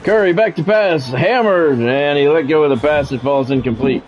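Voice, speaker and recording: The sound is lo-fi as a man with a fairly high voice, speaking at normal speed, commentates sports play-by-play on his live stream. He switches between brief announcer-style lines and casual chat with his viewers.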